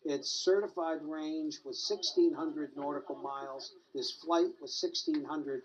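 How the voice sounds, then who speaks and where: A man speaks as an expert interviewee, giving measured commentary. He sounds off the microphone, with a slightly muffled recording. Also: fairly high pitch, fairly even intonation, recorded from a distance.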